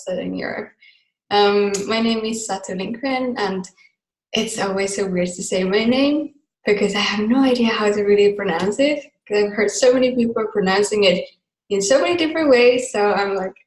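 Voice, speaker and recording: A native Finnish-speaking woman facilitates a live online class, keeping it casual and chatty with easy laughs and rambling asides. Her mid-range voice moves at normal speed through a video call mic, the recording rough and reverberant.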